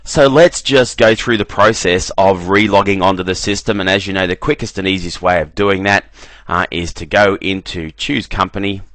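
Low-voiced man narrating a software demo. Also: normal speed, no echo. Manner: relaxed, repeats "very, very" often. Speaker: software trainer. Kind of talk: screen-recorded software walkthrough.

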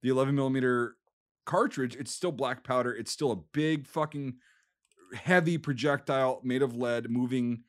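A man's voice: medium pitch, normal speed. Emphatic man with a Wisconsin accent. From Wisconsin, USA. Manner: emphatic, profane, explanatory. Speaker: podcast co-host. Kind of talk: casual war history discussion.

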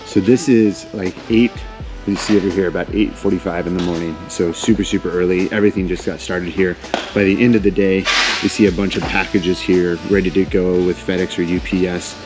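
A man's voice: low-pitched, fairly even intonation, brisk, over music. A man in his thirties hosting a casual, upbeat walk-through tour of a large warehouse on a lapel mic. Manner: upbeat, enthusiastic. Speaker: vlog host.

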